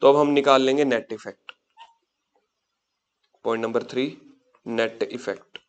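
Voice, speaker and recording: Male accountancy tutor, middle pitch, patient step-by-step lecture that slows for dictation. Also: steady tone, clear, resonant tone. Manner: explains step by step, mixing Hindi and English, dictates English lines slowly; talks to students as beta, with joking asides. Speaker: accountancy teacher. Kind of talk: classroom lecture.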